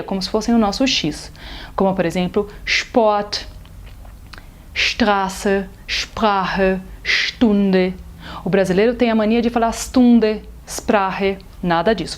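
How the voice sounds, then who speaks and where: A middle-aged woman leads a pronunciation lesson at an ordinary medium pitch. She explains patiently. She acts out sounds in exaggerated examples. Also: a little mellow. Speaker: German teacher.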